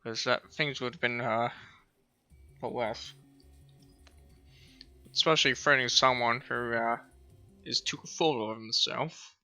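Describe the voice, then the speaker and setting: A man tosses off casual, joking asides while playing a game. His voice is gravelly and forceful with a sharp edge. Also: medium pitch, fairly even intonation, takes it slowly, pauses often, faint music behind. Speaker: let's player. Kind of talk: casual gameplay commentary.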